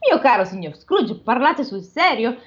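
A woman's voice: on the high side, very animated, moderate pace. Woman doing a dignified old gent, formal and stunned, dull lo-fi audio. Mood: astonished. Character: dignified older male gentleman, astonished and grateful. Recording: dull lo-fi recording.

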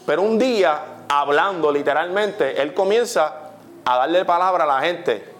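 A young man with a Puerto Rican Spanish accent preaches an animated testimony sermon, frequently saying "literally" and posing questions to his listeners. He speaks unhurriedly in a fairly high voice.

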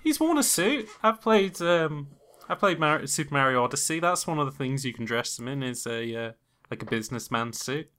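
A man's voice: mid-range voice, lively intonation, moderate pace, fairly bright tone. A man chatting casually on a podcast, rambling and laughing at his own jokes. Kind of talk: casual chat.

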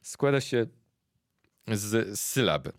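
A young man hosting a podcast, explaining things to his guest in a casual, thoughtful way and pausing often to find his words. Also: lowish voice, sing-song, dry recording, studio quality. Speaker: podcast host interviewing a guest.

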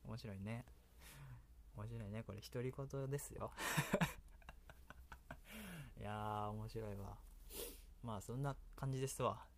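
A man's voice: on the low side, measured pace, long pauses, a little hiss or hum. A man with a Kansai accent hosting a casual solo radio talk, rambling and often laughing at himself. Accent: Kansai Japanese. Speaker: solo radio host and creator.

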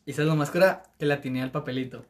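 A man's voice: a little high, rapid-fire. A young man, co-hosting a casual podcast and telling stories, mixing English into his speech. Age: young adult. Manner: storytelling, mixes English into his speech, laughs often. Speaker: podcast co-host. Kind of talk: casual chat.

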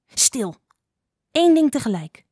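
A woman voicing a blind, sharp-tongued old female fox who scolds impatiently. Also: sits high, very animated, a little slow, breathy edge, no room sound, studio quality, voice pushed up, exaggerated voice. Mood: stern.

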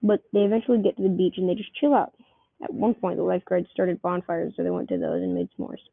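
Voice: mid-range voice, fairly even intonation, fast, creaky, slightly rough, no echo. A person reading a homemade comic story aloud, keeping the characters' voices close to their own. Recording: tinny phone-like dry recording.

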